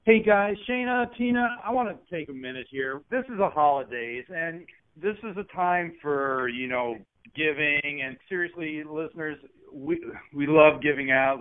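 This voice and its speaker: A man's voice: fairly high pitch, smooth. A man co-hosting a podcast in casual chat, easygoing and rambling with plenty of fillers. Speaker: podcast co-host. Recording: tinny phone-line sound, dry.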